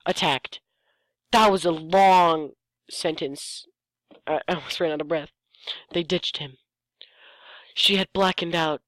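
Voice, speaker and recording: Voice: mid-range voice, takes it slowly, long pauses, a bit bright, no echo, low-quality recording. A host reading fan fiction aloud for comedy, stopping often to mock the writing sarcastically and stumbling over the lines. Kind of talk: comedic dramatic reading with commentary.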